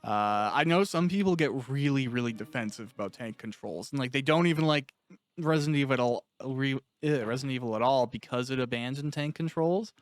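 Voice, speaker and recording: A man with a mid-range voice speaks briskly as he hosts a casual, conversational interview with a guest from an audiobook cast. The audio has no echo.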